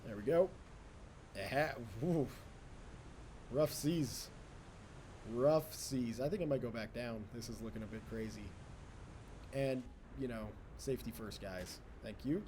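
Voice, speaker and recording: A young native English speaker hosts a let's play at a measured pace, leaving long pauses in his medium-pitched, dark voice. He rambles, mocks himself, and talks to the game, with a little hiss or hum in the recording.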